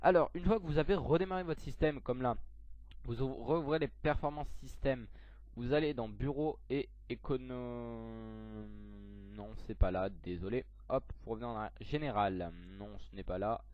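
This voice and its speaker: A man's voice: mid-range voice, normal speed, darkish tone, no echo. Hesitant young man, dull lo-fi mic. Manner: hesitant, lots of fillers and self-corrections. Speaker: tech tutorial youtuber. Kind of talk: screen-recorded software tutorial.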